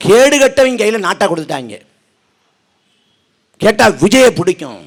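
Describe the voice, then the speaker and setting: At an outdoor protest rally, a party speaker with a high, very animated voice delivers a fiery political speech at normal speed. He is sarcastic and mocking, firing off one rhetorical question after another.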